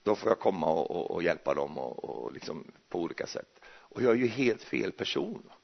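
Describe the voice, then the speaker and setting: Gravelly male preacher. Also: deep voice, big pitch swings. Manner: chatty and jokey, with many restarts. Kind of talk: sermon. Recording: muffled, dull recording.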